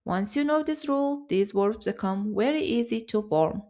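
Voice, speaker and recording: A woman's voice: a little high, lively intonation, normal speed, a little mellow. A woman teaching a grammar lesson in a careful, scripted way, reading out example words and their meanings. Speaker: language teacher.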